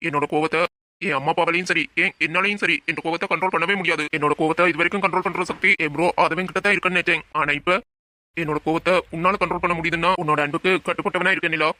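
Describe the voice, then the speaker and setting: A man voicing a quick-tempered young man who is in love, delivering his lines in a heated, rapid-fire way in an amateur audio drama. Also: on the high side, steady tone, bright, forceful tone, no room sound. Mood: tender.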